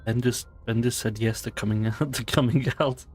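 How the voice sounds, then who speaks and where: Male co-streamer, mid-pitched, loose casual banter, halting and stammering delivery. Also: steady tone, over music. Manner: hesitant, stammering, repeats words. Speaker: streamer's co-player. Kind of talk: casual chat during a game.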